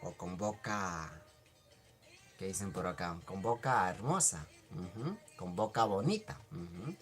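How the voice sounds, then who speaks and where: A man teaching Quechua words in a casual live online class, repeating each word slowly and answering questions from the chat. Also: low-pitched, lively intonation, a bit bright, soft background music.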